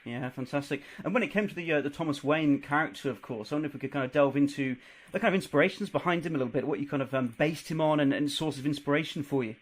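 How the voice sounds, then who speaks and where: Fast-talking male interviewer. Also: a little high. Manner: rambling, hedging questions with fillers. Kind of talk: casual interview questions.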